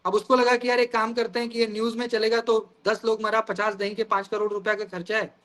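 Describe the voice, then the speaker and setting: A male teacher delivers a lecture in a high, bright voice. He explains each idea through everyday examples and keeps turning to the class with questions. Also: little pitch movement, fast. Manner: explains with everyday examples, often asks "guys".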